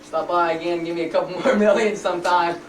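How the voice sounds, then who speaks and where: A man's voice: high voice, steady tone, fast. A man presenting an amateur talk show and its ads with informal, casual phrasing. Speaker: mock talk show host and ad pitchman. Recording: echoey, noisy, distant amateur camcorder audio.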